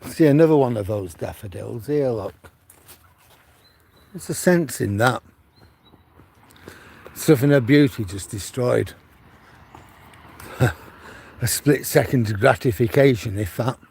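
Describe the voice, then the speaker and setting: Speaking slowly with vocal fry and frequent pauses, this older Manchester man has a mid-range, darkish, slightly rough voice. Retired, he walks his dog by the sea and livestreams casually through a phone on a gimbal. He tells chatty stories that wander and keep restarting.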